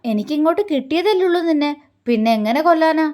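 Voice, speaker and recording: A devoted young husband, tender and earnest with a light teasing edge, as a woman reading the story puts him on. The voice sits high, and he speaks softly in a storybook manner. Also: animated, quick pace. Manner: soft, earnest, gently teasing.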